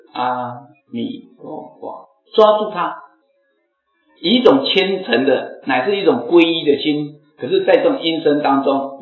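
Slightly hoarse man giving a dharma talk. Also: fairly high pitch. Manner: explanatory, chants examples aloud. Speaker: Buddhist teacher. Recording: echoey phone-like lecture recording, faint music.

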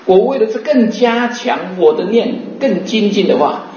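Man, Buddhist teacher, slightly high voice, roomy muffled recording, faint background hiss. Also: lively intonation, darkish tone. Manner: rhetorical questions, slow chanting demonstrations. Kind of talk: dharma talk.

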